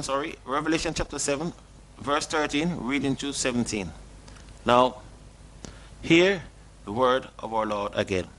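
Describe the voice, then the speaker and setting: A middle-aged man preaching a sermon and reading scripture at a desk, earnest and questioning, lifting his pitch on stressed words. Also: a bit bright. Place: small indoor studio at a desk.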